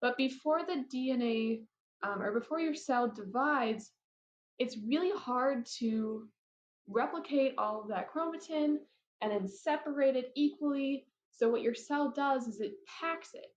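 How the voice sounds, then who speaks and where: Chatty woman lecturer, fairly high voice, walking through slides; dull, echoey recording. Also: a little slow. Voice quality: flat, robotic-sounding delivery. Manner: casual, chatty, apologetic asides. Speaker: teacher. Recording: roomy, dull lo-fi mic.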